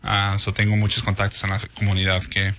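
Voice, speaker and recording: A man's voice: lowish voice, monotone, a little fast, fairly bright tone, a little hiss or hum. A man born in Mexico, a police sergeant answering interview questions in a hesitant way with many fillers.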